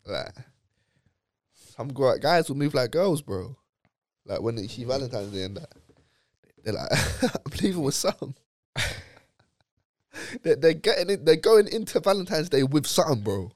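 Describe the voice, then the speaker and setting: A man's voice: mid-range voice, unhurried, pauses often, dry recording, clean studio sound. A young man, co-hosting a casual podcast chat, telling stories in slang and laughing often. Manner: laughing, slangy, animated storytelling. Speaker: podcast co-host.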